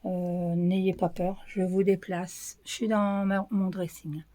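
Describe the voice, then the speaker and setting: A tired woman with a cracked voice, vlogging casually from her dressing room on a handheld phone, halting and dropping to whispers now and then. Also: fairly low pitch, flat delivery, mellow. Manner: halting, drops to a whisper when showing items. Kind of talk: casual vlog chat to camera. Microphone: handheld phone camera with ring light.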